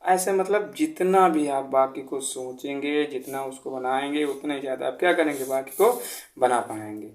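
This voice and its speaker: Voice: mid-range voice, moderate pace. An English grammar teacher explaining tenses, spelling words letter by letter and answering their own quiz questions. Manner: patient, repetitive teaching. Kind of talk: Hindi-language grammar lesson.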